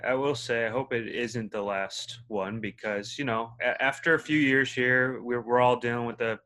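A man with a mid-range voice interviews a guest in a relaxed way. He talks in halting, earnest bits and often restarts his sentences. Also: mid-range voice. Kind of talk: casual interview.

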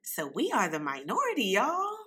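A young woman with a New York accent, hosting a podcast in a loud, unfiltered, casual way that speaks straight to listeners. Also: on the high side, huge pitch swings, normal speed, breathy edge. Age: young adult. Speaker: podcast host.

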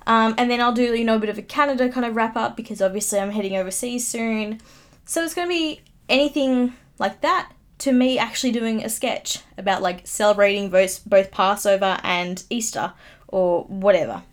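Speaking at a moderate pace with a slightly high voice, a young woman in her late teens, about nineteen, talks alone on her podcast from an upstairs room at home. This YouTuber is chatty and self-mocking, tossing in giggles, and a close studio mic captures her.

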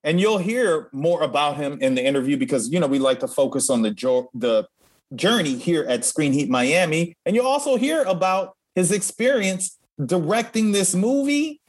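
A man's voice: a little high, animated, normal speed. A man co-hosting a casual show, upbeat and playful, laughing easily with his partner. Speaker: co-host. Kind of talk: casual podcast chat.

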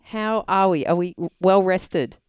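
A woman's voice: on the low side, a little slow, darkish tone, clear, resonant tone, dry recording, studio quality. An Australian woman hosting a casual sports chat podcast. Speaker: podcast host.

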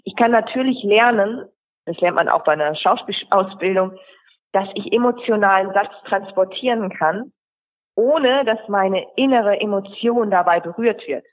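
Woman rhetoric coach, husky, explanatory, phone-thin sound, podcast interview. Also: mid-range voice, moderate pace. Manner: explanatory, lists examples in runs. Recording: tinny phone-like line.

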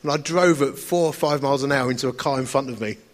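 A man's voice: mid-range voice, fast. A man with an Essex accent preaching through personal anecdote in a chatty, wry, self-deprecating storytelling manner. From Essex, England. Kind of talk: anecdotal sermon to an audience.

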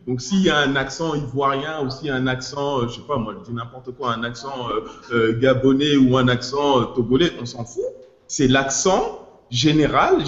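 Lively man with a roomy, muffled sound. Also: fairly high pitch. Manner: explains at length, restarts phrases, drops English expressions. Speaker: podcast co-host. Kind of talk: casual panel discussion. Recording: muffled, roomy podcast recording.

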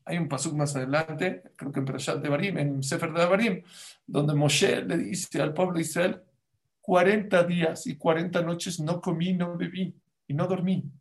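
A fairly high-voiced man teaches a Torah lesson in an animated way. He jumps from loud, emphatic points to quiet, hushed asides and keeps firing rhetorical questions at his listeners. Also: normal speed.

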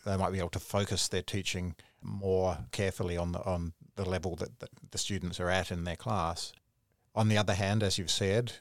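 Podcast host guy, lowish voice, dry close sound. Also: no room sound. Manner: friendly, leads with questions and summaries. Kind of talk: podcast interview.

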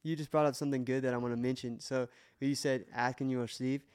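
A man's voice: medium pitch, fairly even intonation, quick pace, darkish tone, clear, resonant tone. Earnest man sharing faith on a podcast. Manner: earnest, emotional testimony with many restarts. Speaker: podcast co-host. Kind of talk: casual faith podcast talk.

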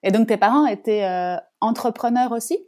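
A woman's voice: a little high, fairly quick, dark tone. A woman hosting a conversational interview, asking friendly, encouraging questions.

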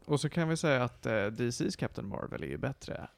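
A man's voice: mid-range voice, animated, gravelly. A man co-hosting a casual podcast chat, teasing with short quips.

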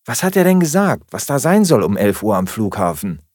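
A man voicing a skeptical, sharp-tongued woman flatmate who questions everything in a dry, doubting manner. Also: mid-range voice, a little fast, no room sound.

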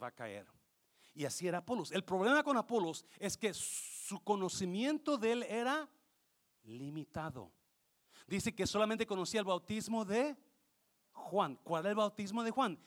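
A male pastor, preaching a passionate sermon that swings from quiet explanation to shouting, with English words mixed in. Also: sits high.

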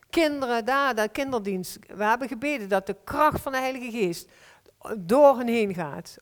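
Earnest woman preaching in a reverberant hall. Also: a little high. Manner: earnest, heartfelt, with slow emphatic stretches. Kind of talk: sermon. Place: church hall.

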